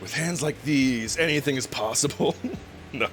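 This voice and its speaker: A man's voice: medium pitch, measured pace, a bit bright, slight background noise. A man chatting casually with his viewers on a cooking live stream, laughing often and swearing now and then.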